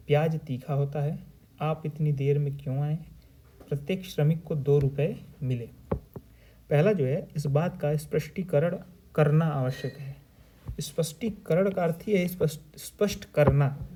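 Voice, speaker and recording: Mellow-voiced man tutoring exam Hindi. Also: a little high, slight background noise. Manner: reads out options, then explains the right spelling. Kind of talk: previous-year paper discussion lesson.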